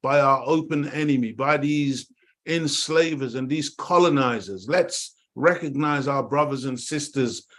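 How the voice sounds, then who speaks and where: Co-hosting an online talk show over a call, a middle-aged man from Jamaica speaks at a measured pace in a mid-range, slightly bright voice. He preaches with passion and emphasis, repeating words and addressing everyone as "dear family."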